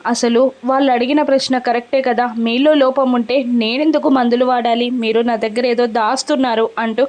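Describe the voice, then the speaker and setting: A woman's voice: on the high side, steady tone, fairly quick, a little mellow. A woman narrating a recap of a TV serial episode, telling it steadily and lifting her voice slightly for the quoted lines.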